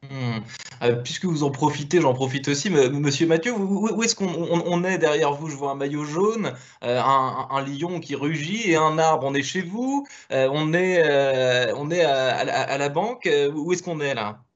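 A man's voice: fairly high pitch, lively intonation, normal speed, muffled recording. A man hosting a video-call interview, hesitant and full of fillers and repeated words. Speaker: interview host.

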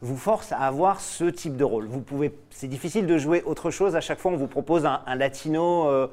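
A man hosting an interview, asking questions briskly and dropping short affirmations. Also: fairly high pitch, darkish tone. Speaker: radio host.

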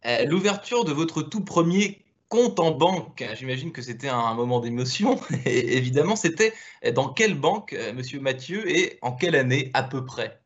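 A man's voice: mid-range voice, lively intonation, moderate pace. Hesitant French male interviewer, muffled audio. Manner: hesitant, many fillers and restarts. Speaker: interviewer, show host. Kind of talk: business interview. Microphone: video call.

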